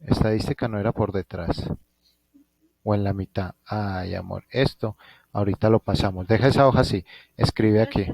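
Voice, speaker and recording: A man's voice: fairly low pitch, fairly even intonation, normal speed, vocal fry, a little mellow, dry recording. A Colombian man teaching a physics class online from home, thinking aloud and often checking in with his students. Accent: Colombian Spanish. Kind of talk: live online class lecture.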